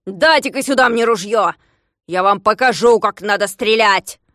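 Voicing a furious bald landowner with money to burn, a woman screeches and rants bossy insults and orders in a storybook reading, shrieking with rage. Her voice sits at medium pitch with a steady tone and moderate pace, close to how she'd talk every day. The recording is dry and clean, studio made.

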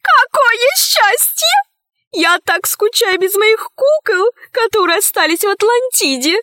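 A woman's voice: extremely high pitch, lively intonation, moderate pace, a bit bright, no room sound, clean studio sound, pitched above the performer's own voice. A woman voicing a plump, childish old woman, a former heiress who talks in a gushing, whiny way. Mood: ecstatic, tearful. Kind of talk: storybook reading.

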